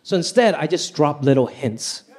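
A Hong Kong man in his thirties does a stand-up set on a large theater stage before a live audience, speaking into a handheld mic at a moderate pace. He's animated, swinging his pitch for punchlines, and faint crowd and room noise come through.

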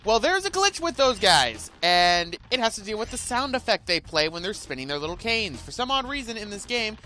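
A man's voice: high voice, big pitch swings, brisk, pushed and bright. A man hosting a let's play, giving rambling, sarcastic gameplay commentary. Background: faint game music.

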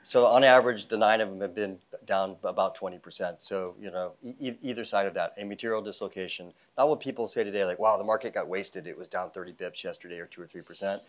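Speaking through a lapel mic on a conference stage before a live audience, a man in his fifties who founded an investment fund answers panel questions. His low voice moves quickly with few pauses, and he sounds confident and wry, dropping frequent "you know" fillers.

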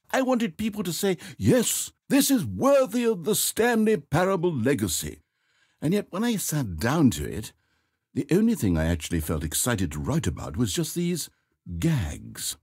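A man voices a video game narrator in a heavily acted, earnest performance, sounding polite, theatrical and fussy as he swings between grandeur and self-doubt. His breathy voice is a little high and a little mellow. It's recorded dry and close on a studio microphone with no echo.

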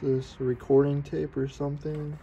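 A man exploring an abandoned farmhouse on a handheld phone camera, commenting on what he finds in a curious, low-key way. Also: little pitch movement, brisk, muffled recording, background noise. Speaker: urban explorer vlogger. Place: abandoned farmhouse and yard, indoors and out.

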